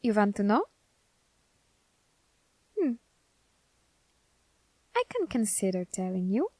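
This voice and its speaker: In an ASMR roleplay, a woman plays an inquisitive, androgynous grim reaper, questioning a captured demon in a slow, playful, gently whispered manner. Her voice sits in the middle range with a sing-song lilt, and the recording carries no room sound.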